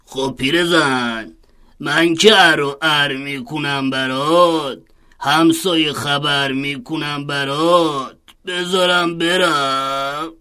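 Brief: slow, braying storybook donkey, bright edge, a woman putting it on. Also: low voice, steady tone, pitched below the performer's own voice. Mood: aggrieved. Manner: drawling, braying. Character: slow, plaintive old donkey, easily upset.

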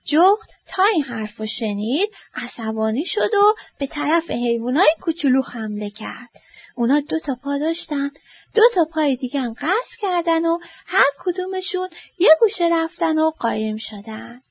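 A woman storyteller reading a children's story aloud, expressive and trailing off softly at line ends. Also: sits high, no room sound. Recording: dull lo-fi dry recording.

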